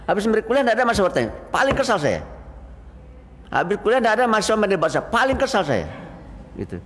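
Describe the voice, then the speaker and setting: Animated older man preaching in a mosque hall. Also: high-pitched, fast talker. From Indonesia. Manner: animated storytelling, acting out quoted voices. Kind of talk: mosque sermon after dawn prayer. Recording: reverberant mosque hall, faint noise.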